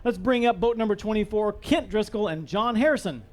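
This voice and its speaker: Upbeat high-voiced tournament emcee, man. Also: a little fast. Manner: upbeat, joking banter. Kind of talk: live weigh-in announcing. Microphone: headset microphone.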